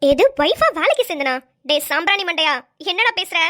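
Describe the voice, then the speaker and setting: A woman voicing a shrill scolding cartoon wife. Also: lively intonation, brisk, sharp tone, no echo, clean studio sound, heavily acted. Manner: scolding, trades insults. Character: bossy sharp-tongued young wife, scolding. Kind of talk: cartoon voice acting.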